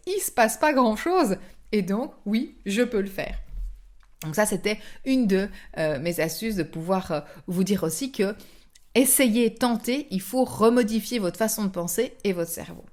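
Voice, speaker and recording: A woman hosting a motivational podcast, speaking directly to the listener in an animated, coaxing way and acting out inner thoughts. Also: medium pitch. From France. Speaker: podcast host and coach.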